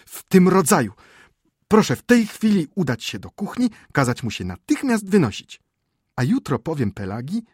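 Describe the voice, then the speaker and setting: A man reading an audiobook, voicing a panicky, scolding wife in a high, strained voice. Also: a little mellow, breathy edge, no echo, clean studio sound. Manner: frantic, reproachful. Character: panicky shrill middle-aged wife, prim and scolding. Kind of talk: audiobook character voice.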